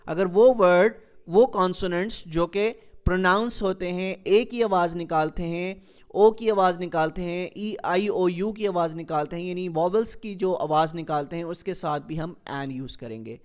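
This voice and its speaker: A man giving a recorded lecture to exam candidates. He explains grammar rules slowly, repeats them, and answers his own questions. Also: high voice. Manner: reads English example sentences slowly and carefully. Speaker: English teacher for exam candidates.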